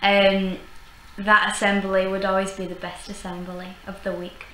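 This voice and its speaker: A teenage girl who volunteers, answering interview questions calmly from a sofa with some hesitation. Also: mid-range voice, normal speed, a little hiss or hum. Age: teens. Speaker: former pupil and volunteer. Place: room with a leather sofa. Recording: echoey room.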